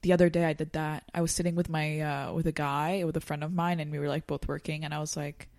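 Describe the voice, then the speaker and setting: A woman guest on a podcast in casual chat, speaking candidly and dropping quiet when the subject turns personal. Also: flat delivery, fast talker, no room sound, clean studio sound. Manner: candid, drops to a quiet low voice on personal topics.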